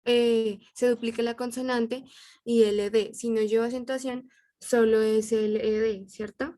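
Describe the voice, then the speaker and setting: A woman's voice: fairly high pitch, little pitch movement, measured pace, warm tone. A woman student on a video call, asking hesitant questions in class and seeking confirmation.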